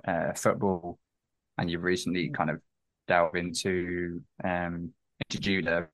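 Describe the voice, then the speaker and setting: A man's voice: low voice, little pitch movement, measured pace, no room sound. A young man hosting a podcast, asking loose, rambling questions with many restarts. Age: young adult. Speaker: podcast host. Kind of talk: casual interview questions.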